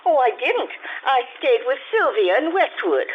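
An actress playing an anxious wealthy wife who stammers and pleads, in an old-time radio drama. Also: female voice, high-pitched, big pitch swings, normal speed, narrow, tinny audio. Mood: flustered. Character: anxious wealthy wife hiding gambling debts.

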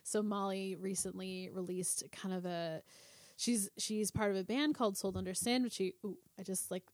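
A woman co-hosting a podcast in casual chat, chatty and quick to laugh. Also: medium pitch, steady tone, no room sound, studio quality. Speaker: podcast co-host.

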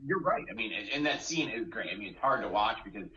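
A man co-hosting a podcast in casual movie chat, animated and swearing casually as he acts out lines. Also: on the low side, quick pace. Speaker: podcast co-host. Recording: roomy, dull lo-fi sound.

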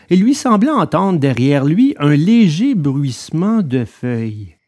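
Male narrator for a storybook, lively and dramatic, voice on the higher side.

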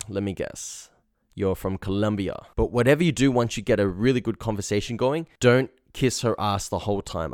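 A man hosts a show as a dating confidence coach, giving informal, blunt, slangy instruction and acting out example lines. His voice is on the low side, captured in a dry, studio-quality recording.

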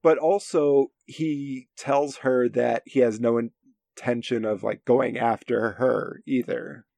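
A man chats casually as a film podcast co-host. His voice has a marked vocal fry and he feels his way through sentences haltingly. The sound is close and dry, without room echo. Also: mid-range voice, fairly even intonation, dark tone. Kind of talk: casual film discussion chat. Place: home basement. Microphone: recorded at his end of an internet call.

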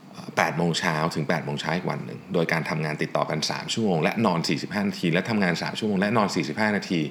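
A man's voice: low-pitched, a bit bright, a little hiss or hum. A man hosting a podcast, giving an earnest solo talk and repeating his key points for emphasis. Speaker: podcast host.

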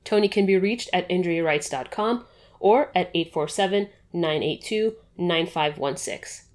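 Woman podcast host, really low voice, reads a formal intro then chats with her guest. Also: normal speed, darkish tone. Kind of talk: scripted intro then interview.

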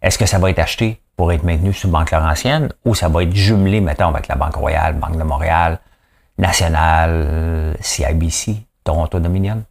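A man with a Québécois French accent hosting a podcast, giving opinionated news commentary full of rhetorical questions and acted-out quotes. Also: deep voice. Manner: rhetorical questions, folksy and emphatic; acts out quoted voices mid-rant. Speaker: podcast host.

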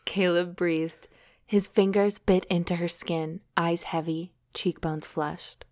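A woman's voice: fairly low pitch, steady tone, takes it slowly, a little mellow. A woman co-host reading a novel aloud, with casual commentary along the way.

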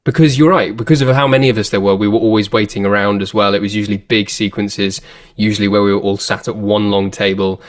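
Low-ish voiced podcast guy, chatty n lively. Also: fast. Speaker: podcast co-host. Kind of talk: casual chat.

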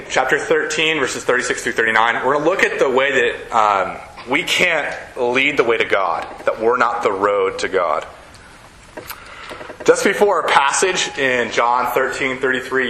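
A man's voice: mid-range voice, sharp tone. A man giving a conversational, joking sermon as a preacher, often checking in with his listeners. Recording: echoey room.

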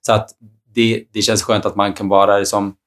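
Relaxed, chatty man with a lowish voice and a lot of filler words. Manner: relaxed, chatty, many fillers like "liksom" and "typ". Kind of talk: casual chat.

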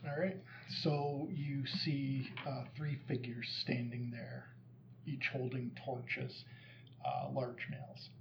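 Game master calling turns, muffled. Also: male voice, medium pitch, slow, vocal fry, noisy background. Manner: relaxed, calls turns and describes the scene. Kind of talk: running a tabletop game.

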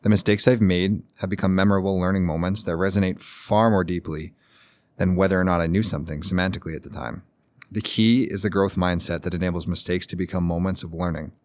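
A man's voice: deep voice, steady tone, fast talker, no room sound. A young man, a medical student guest on a podcast, reading advice aloud and joking playfully. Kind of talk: reading a quote, then casual chat.

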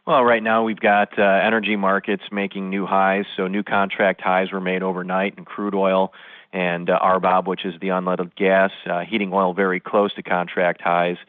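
A man with a very low voice talks through the markets over a tinny phone line. He is analytical and peppers his explanations with frequent filler sounds. The call sounds dry and close, with none of the room coming through. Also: flat delivery, normal speed, no echo. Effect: heard over the phone. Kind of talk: interview commentary.

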